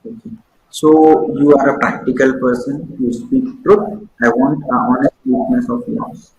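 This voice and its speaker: A man's voice: medium pitch, steady tone, unhurried, darkish tone, dull audio. A man with an Indian accent acting as a job interviewer, asking probing questions and explaining them with examples. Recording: echoey room with faint noise.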